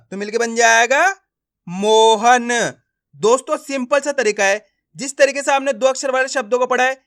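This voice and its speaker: A man teaching a reading lesson, sounding out each syllable slowly and firmly and often asking the listener if it is clear. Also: very high voice, fairly bright tone. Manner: sounds out words syllable by syllable, slow and emphatic; repeats simple questions to the viewer.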